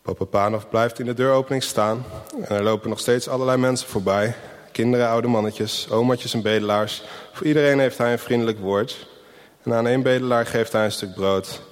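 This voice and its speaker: A man reading a children's Christmas story aloud in a gentle, unhurried way, giving the people in it their own voices. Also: medium pitch, fairly even intonation, big-room sound. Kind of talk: storybook narration with character voices.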